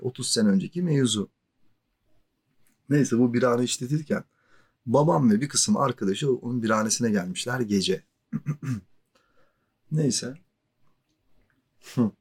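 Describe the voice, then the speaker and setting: A man's voice: mid-range voice, darkish tone. A man in his forties spins a personal anecdote in an easy, chatty way. His voice sits in an ordinary middle range, and he keeps slipping in little chuckles and loose fillers. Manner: conversational, chuckles often, loose filler words. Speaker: podcast storyteller. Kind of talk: casual spoken storytelling.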